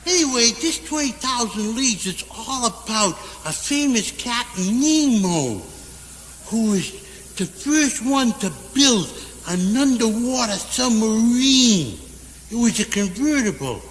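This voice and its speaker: A dim, sweet-natured barroom fool who rambles through pun-heavy tall tales in a very high, nasal, childlike voice. It is captured on an echoey 1960s television stage with a long reverb tail and a clear hiss underneath. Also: male voice, sing-song, a little slow, exaggerated voice. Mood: rambling. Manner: rambling joke-telling with groan-worthy puns. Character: goofy, dim-witted, sweet-natured barfly man. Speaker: comic barroom character. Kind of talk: 1960s TV sketch comedy. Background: studio audience laughter.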